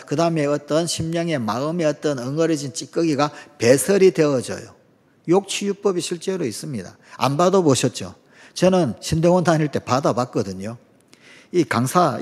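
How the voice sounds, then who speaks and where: A man's voice: fairly high pitch, darkish tone. A middle-aged man, preaching a sermon as a pastor, telling stories, acting out quoted lines and asking the congregation questions. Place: church sanctuary. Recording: long church reverb.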